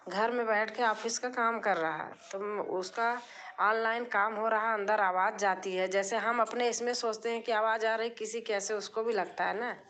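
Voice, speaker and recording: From her drawing room, a middle-aged woman hosts a live stream, chatting casually and reading viewers' comments. Her voice is on the high side, fairly even, at a moderate pace, and she speaks softly, keeping it down.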